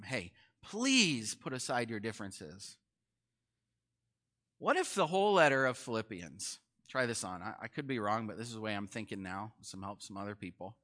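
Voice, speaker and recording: A man's voice: fairly low pitch, a bit bright. A man preaching a sermon as pastor in a conversational way, often asking the congregation questions.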